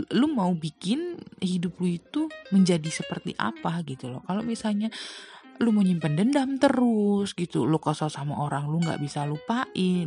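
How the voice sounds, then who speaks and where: A woman's voice: sits low, darkish tone. A young woman giving casual, slangy advice in a chatty monologue full of rhetorical questions. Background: faint guitar music.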